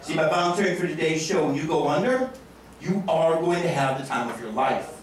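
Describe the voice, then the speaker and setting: A man's voice: a little high, fairly quick, recorded from a distance. Brash stage hypnotist man in echoey room. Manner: brash, joking and profane with volunteers. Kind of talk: live stage show patter. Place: stage in a large room before an audience. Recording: very echoey live room, captured from afar.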